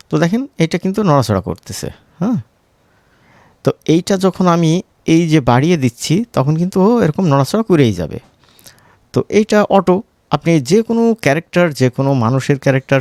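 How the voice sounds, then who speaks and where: A man with a fairly high, slightly mellow voice and a Bangladeshi Bengali accent runs an informal screen-recorded software tutorial. As the instructor, he keeps it conversational, regularly checking in with brief question tags. The sound is dry and clean, like a studio.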